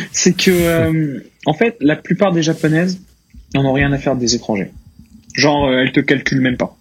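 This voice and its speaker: A man as a guest on a casual podcast, talking in a relaxed, hesitant way with many fillers. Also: fairly high pitch, moderate pace, slight background noise. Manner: relaxed, hesitant, laughs often. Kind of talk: casual interview chat.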